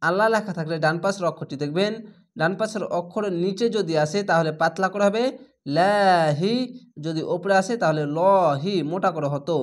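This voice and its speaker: A man with a Bangladeshi Bengali accent teaching Quran reading, spelling each word letter by letter and then reciting it slowly. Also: sits high.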